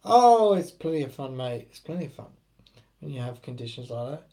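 A man's voice: medium pitch, big pitch swings, fairly quick, mellow. Jokey British man on a live stream. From United Kingdom. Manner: jokey and joshing, laughing often. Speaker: host. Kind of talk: casual live-stream chat.

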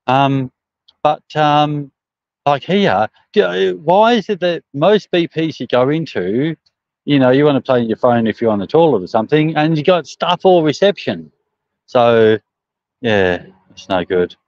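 A man's voice: medium pitch, animated, a little slow, darkish tone, no echo. A middle-aged man with a broad Australian accent chatting casually on a livestream outdoors, rambling and hesitant in colloquial language. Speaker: truck driver livestreaming. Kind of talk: casual live chat answering viewer comments. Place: outdoors on a service station forecourt. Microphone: phone propped at about arm's length. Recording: dull, slightly muffled phone livestream.

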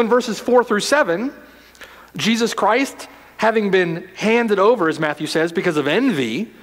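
Male pastor, emphatic sermon, fairly high voice, long reverberant hall. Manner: emphatic, repeating phrases for force, swinging from loud to hushed.

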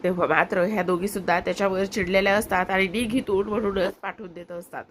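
A woman telling the story of a serial episode in an even, flowing way, moving from scene to scene without pause. Her pitch sits in the middle for a woman. A faint background noise stays under her voice.

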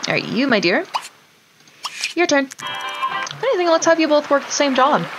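Very animated and high-pitched, a woman streamer chats at a moderate pace to herself and the characters during a casual Let's Play of a life simulation game. The low-quality recording has music underneath, plus clear background noise and mouse clicks.

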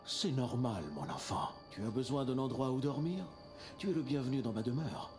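A man playing a middle-aged magistrate from a dubbed video game with a lively, wide-ranging delivery, smooth and reassuring or loudly proclaiming. Strong game music plays under him. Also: mid-range voice, moderate pace, close to an everyday voice. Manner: soothing, then shouting verdicts. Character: male city magistrate, smooth, falsely reassuring. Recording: game audio with loud music.

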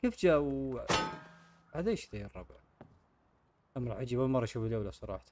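Man, mid-pitched, casual gamer commentary, noisy track with clicks. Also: very animated, rapid-fire. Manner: chatty, talks to viewers while playing. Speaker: gaming channel host.

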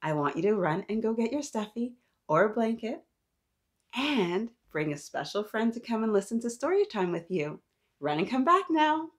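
Her fairly high voice swings widely in pitch at a moderate pace. She's in her thirties, hosting a children's storytime, reading aloud with expression and chatting to young listeners as if they respond.

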